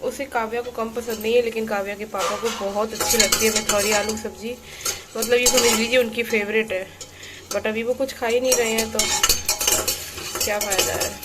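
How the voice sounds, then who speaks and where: A woman's voice: fairly high pitch, steady tone, normal speed, heavy background noise. A woman and mother vlogging at home, chatting to the camera as she explains her laundry and cooking step by step. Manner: chatty, explains each household task step by step. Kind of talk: casual chat to camera.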